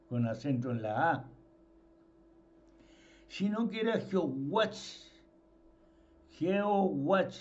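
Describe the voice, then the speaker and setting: A man preaches an informal sermon, his voice sitting high for a man. He talks slowly and leans on repeated words for emphasis. The recording sounds dull and lo-fi. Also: a little mellow.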